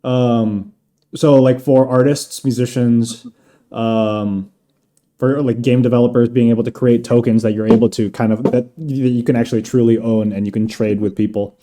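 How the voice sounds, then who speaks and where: A man's voice: medium pitch, fairly even intonation, normal speed, warm tone. A man hosting a podcast, chatting casually and rambling with lots of fillers. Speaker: podcast host. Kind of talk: casual chat.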